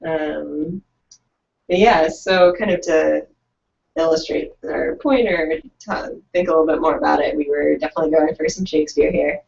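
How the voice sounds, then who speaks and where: A young woman chats casually as co-host of a live online writing session, her voice low-pitched with a gravelly edge. She sounds set back from the microphone, and the recording is dull and lo-fi. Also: normal speed, darkish tone, a little hiss or hum. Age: young adult. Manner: laughs often, reads comments aloud. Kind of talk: casual chat. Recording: distant mic, dull lo-fi sound.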